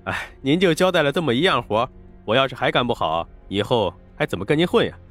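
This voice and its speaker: A man's voice: mid-range voice, big pitch swings, quick pace, a bit bright, soft background music. A man voicing a courteous, humble young man in an audiobook. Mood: humble joking. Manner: courteous, deferential. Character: polite young man, humble, eager to please. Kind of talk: audiobook character voice.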